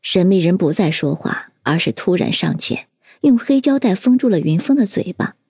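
Brief: female audiobook narrator, husky and lowish, measured storytelling, dry close recording. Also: animated, a little mellow, dry recording.

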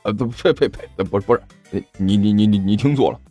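A man's voice: deep voice, animated, fairly quick, a little mellow, husky, soft background music, voice pushed down, full character voice. A man voicing a stern, suspicious middle-aged uncle from the neighborhood who lectures and scolds. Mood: flustered.

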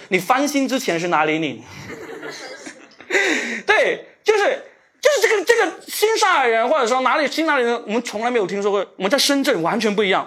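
A man from Shenzhen with a Cantonese accent, doing live stand-up comedy with self-mocking, animated storytelling. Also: very high voice. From Shenzhen, Guangdong.

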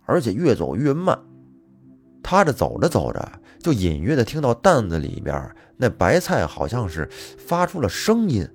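Lively storyteller man. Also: medium pitch, normal speed, husky. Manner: lively colloquial storytelling with fillers. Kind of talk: folk tale narration. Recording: faint music behind.

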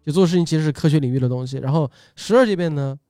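A man with a slightly high voice hosts a casual conversation over faint background music. He is talkative and informal, often doubling up short phrases as he introduces people and topics. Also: rapid-fire, dark tone, no echo, studio quality. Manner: chatty, repeats short phrases. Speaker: host, video uploader and magician. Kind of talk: casual chat, introducing guests.

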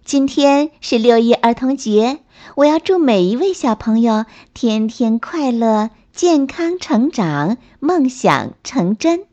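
A woman's voice: on the high side, big pitch swings, takes it slowly. Sing-song woman reading bedtime stories. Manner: gentle, sing-song storytelling to small children. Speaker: bedtime story host. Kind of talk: children's bedtime story reading. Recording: slightly dull lo-fi recording.

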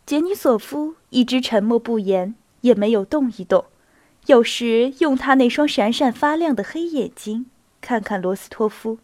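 A woman narrating a classic novel aloud in a calm, even storytelling voice. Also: on the high side, moderate pace. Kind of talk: audiobook reading of a classic novel.

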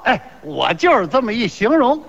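A man's voice: extremely high pitch, sing-song, normal speed, gravelly, a bit bright. A man performing comic crosstalk, firing back teasing retorts and sing-song vendor cries. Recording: dull lo-fi recording.

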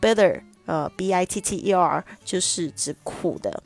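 A woman teaching English pronunciation in a patient, explaining way, who slows down to spell out examples and asks rhetorical questions. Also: on the low side, creaky, faint music behind. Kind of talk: online language lesson.

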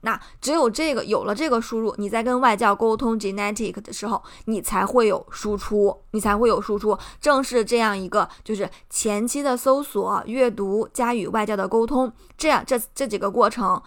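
A woman's voice: on the high side, moderate pace, hardly any pauses. A young woman from China hosting a podcast, giving earnest, encouraging advice and explaining it step by step. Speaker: podcast host. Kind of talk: casual advice talk.

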